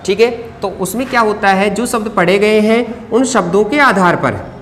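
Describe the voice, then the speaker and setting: A Hindi teacher gives an exam-prep lecture while writing on a board. The teacher asks the class questions, answers them, and dictates notes slowly word by word. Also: medium pitch, lively intonation, a bit bright. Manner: addresses viewers as friends. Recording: reverberant room with faint background noise.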